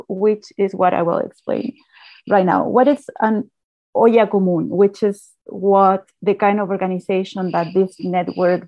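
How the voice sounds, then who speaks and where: A woman from Chile explains things at an even, steady pace, restarting phrases as she goes. Her voice sounds dry and slightly dull, with no room echo. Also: mid-range voice, vocal fry. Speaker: guest speaker. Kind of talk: talk presentation.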